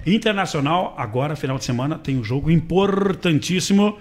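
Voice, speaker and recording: A man's voice: fairly high pitch, lively intonation, a little fast, darkish tone. A man hosting a podcast, playfully leading the topics in casual banter. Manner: playful, leads the segments. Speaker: podcast host.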